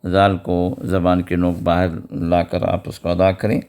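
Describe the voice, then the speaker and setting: Low, smooth-voiced man teaching recitation. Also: completely flat delivery, darkish tone. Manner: explains rules, then recites words slowly and repeats them. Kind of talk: tajweed lesson with slow recitation.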